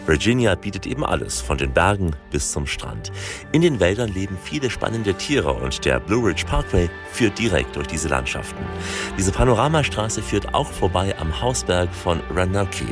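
A man's voice: deep voice, sing-song, moderate pace. A man hosting a radio travel program, narrating from a script with a playful, rhyming opening. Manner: playful rhyming intro, then storytelling. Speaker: radio travel show host. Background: music bed.

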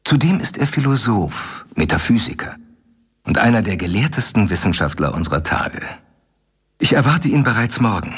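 An earnest, husky young doctor. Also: male voice, fairly low pitch, sing-song, moderate pace, a bit bright, exaggerated voice. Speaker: Doctor Seward. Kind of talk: radio play acting and narration.

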